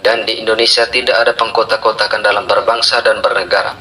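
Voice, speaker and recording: A man reading a formal documentary narration in a measured way. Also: lowish voice, level tone, music in the background, rough recording. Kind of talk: scripted narration.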